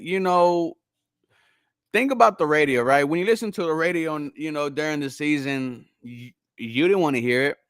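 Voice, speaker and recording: A man's voice: mid-range voice, a bit bright, smooth, dry recording. A young man from Houston hosting a casual sports talk show, rambling with lots of fillers and answering chat. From Houston, Texas. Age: young adult. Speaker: host.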